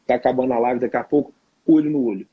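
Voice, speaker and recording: A Brazilian man co-hosting a live stream, reading out viewer questions and giving brisk advice, acting out quoted lines of parents and teenagers, on muffled lo-fi audio. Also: medium pitch, fairly even intonation, breathy edge. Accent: Brazilian Portuguese.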